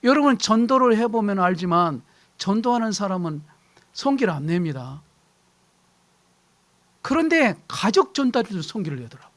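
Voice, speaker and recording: Middle-aged male pastor, high lively voice, preaches animatedly and acts out quarrels. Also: normal speed, pauses often. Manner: animated preaching, acting out shouted household quarrels. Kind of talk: sermon.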